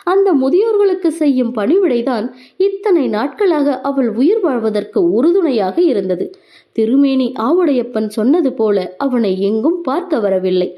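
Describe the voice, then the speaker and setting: A woman narrating a romance novel as an audio book, with expressive storytelling. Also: high-pitched, muffled recording.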